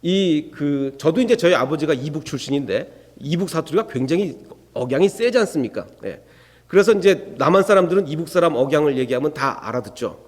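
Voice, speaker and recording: A man's voice: fairly high pitch, a little fast, long reverb tail. A man preaching an expository sermon as a pastor, who asks his congregation rhetorical questions and acts out the people in the story. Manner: acts out the quoted speakers in a lively voice. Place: church sanctuary.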